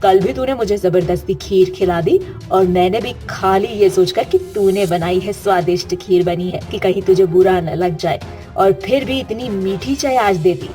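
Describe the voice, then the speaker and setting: A woman's voice: mid-range voice, moderate pace, mellow, soft background music, natural voice. A woman voicing a domineering older mother-in-law in a cartoon story, who talks in a harsh, scolding way. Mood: scheming.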